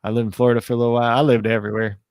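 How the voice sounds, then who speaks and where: A man from Illinois co-hosting a fantasy sports show in relaxed, chatty talk that often trails off mid-sentence. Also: mid-range voice, racing, smooth, no echo, clean studio sound. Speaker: fantasy sports podcast co-host. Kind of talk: casual chat.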